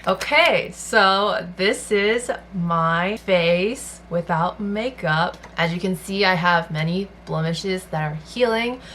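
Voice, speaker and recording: A woman's voice: on the low side, slow, few pauses, a little hiss or hum. A young woman vlogger, born in China and raised in the American South, chatting casually about her life while doing her makeup. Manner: soft-spoken, personal storytelling while doing makeup. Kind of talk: casual get-ready-with-me chat.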